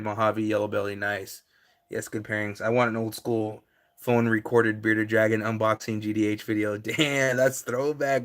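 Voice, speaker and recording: Hosting a relaxed live stream, a man with a lowish voice responds to his viewers' chat messages casually, dropping in plenty of fillers.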